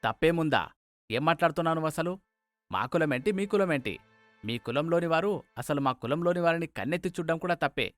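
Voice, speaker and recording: A proud, hot-tempered village elder from a cartoon moral story, as a man acts him out, shouting threats and insults. The voice sits slightly above a typical man's pitch and is recorded close and dry, with faint music behind it. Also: expressive, brisk, dry recording. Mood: furious. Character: angry older village man, proud and bigoted.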